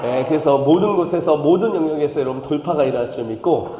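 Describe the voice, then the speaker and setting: A man's voice: on the high side, fast, dark tone, echoey room, long reverb tail, rough recording. A man with a Chungcheong accent preaching a playful revival sermon, calling for amens and slipping into dialect impressions. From Chungcheong, South Korea. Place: church sanctuary.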